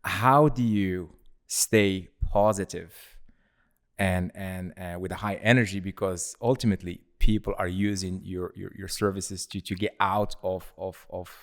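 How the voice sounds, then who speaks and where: A man's voice: sits low, fairly even intonation, unhurried. A man co-hosting a podcast, asking questions in a friendly, inquisitive way. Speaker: podcast co-host. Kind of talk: casual podcast interview.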